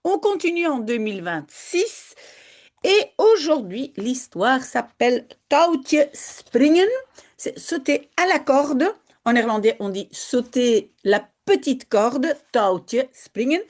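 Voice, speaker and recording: A woman teaches Dutch, reading a short story aloud and then explaining it. Her voice sits a bit high and swings widely in pitch, and her pace is slow and careful. Her manner is clear and patient. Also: lively intonation, darkish tone. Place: indoors, in front of a screen.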